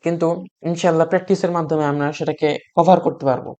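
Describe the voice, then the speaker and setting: A man teaching beginners to read Arabic letters, patient and repeating each sound slowly for learners to copy, with frequent hesitant fillers. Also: on the high side, fairly even intonation, a little mellow. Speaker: Quran reading teacher.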